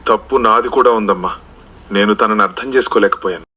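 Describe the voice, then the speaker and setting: A man's voice: fairly low pitch, brisk, sharp tone, breathy edge. A man voicing a young married son caught between his mother and his wife, pleading and emotional in an audio drama. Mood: remorseful.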